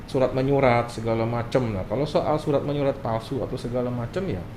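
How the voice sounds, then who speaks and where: A man's voice: medium pitch, a little fast. A man with a Palembang accent explaining things conversationally as a notary guest, often checking back with his listener, slightly muffled through a face mask. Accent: Palembang, South Sumatra. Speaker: guest notary, association chairman. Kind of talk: casual explanatory interview talk. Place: indoor office room. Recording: echoey room with faint noise.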